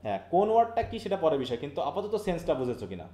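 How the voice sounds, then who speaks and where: A man's voice: fairly high pitch, very animated, racing, mellow. A man from Bangladesh teaches linguistics in a live online class. He explains patiently, mixes in English terms, and keeps asking his students questions.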